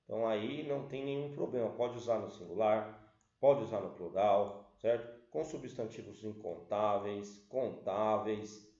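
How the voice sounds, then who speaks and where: A man's voice: fairly low pitch, a little slow, warm tone. A man with a Brazilian Portuguese accent teaching an English grammar lesson, explaining step by step and checking in with the class. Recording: roomy dull lo-fi sound.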